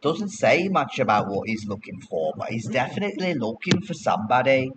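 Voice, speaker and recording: A man narrating a tabletop game as game master, in a relaxed, easygoing way. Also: mid-range voice, a little fast, background noise.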